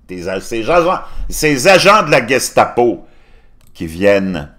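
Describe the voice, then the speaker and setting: A Quebec man in his fifties, with a Québécois French accent, hosts a commentary channel where he rants scornfully over a news article, mocking it and laughing at his own jokes. His mid-range voice is slow and a bit bright, with big pitch swings.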